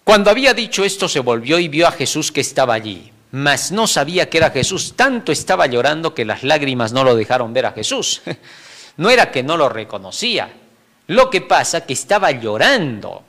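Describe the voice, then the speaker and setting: A man teaching a Bible lesson in an expository style, animated and chuckling between points, often tagging his sentences with a question. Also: fairly high pitch, a little fast.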